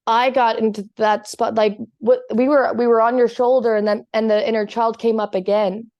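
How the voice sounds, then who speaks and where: A woman's voice: fairly high pitch, little pitch movement, a little mellow. Eager woman co-host, dull lo-fi audio. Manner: eager, quick agreeing interjections. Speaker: podcast co-host. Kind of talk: casual chat. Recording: dull lo-fi sound.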